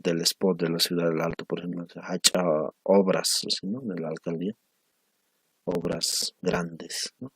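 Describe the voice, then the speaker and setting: Slow, deep, gravelly male teacher. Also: no echo, poor audio. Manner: slow and patient, drilling word pairs with a tag "¿no?". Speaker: Aymara language teacher. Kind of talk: recorded online language lesson.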